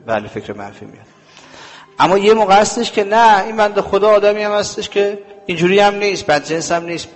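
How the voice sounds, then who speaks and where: A man's voice: fairly high pitch, in a large hall. A man preaching a sermon to a live audience. He speaks emphatically and keeps asking questions that he then answers himself. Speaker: religious preacher.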